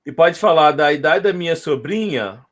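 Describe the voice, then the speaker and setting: A man's voice: a little high, expressive, normal speed. A man with a Brazilian accent, teaching a math lesson, patiently repeating his points and checking in with the students. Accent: Brazilian Portuguese.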